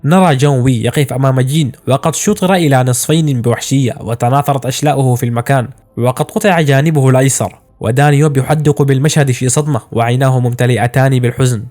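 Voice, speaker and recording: Fast-talking male anime recap narrator. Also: mid-range voice, darkish tone. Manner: dramatic storytelling.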